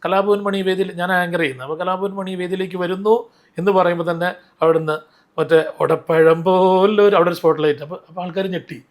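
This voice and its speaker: A man telling stories in an interview, animated and rambling, often restarting his sentences. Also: high-pitched, rapid-fire. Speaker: interview guest, mimicry artist. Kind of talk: casual interview storytelling.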